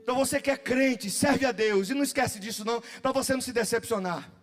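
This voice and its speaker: A Brazilian Portuguese pastor with a very high-pitched voice, preaching at a church service. He swings between shouting and chanting his phrases with fervent energy. Faint music plays softly behind him. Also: a little fast. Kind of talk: pentecostal sermon.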